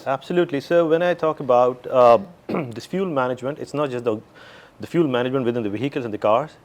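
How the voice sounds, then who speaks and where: A man's voice: medium pitch, fast talker. Middle-aged Pakistani-accented man being interviewed. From Pakistan and the Middle East, mainly Saudi Arabia. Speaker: interview guest, company CEO. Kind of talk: conversational interview answers.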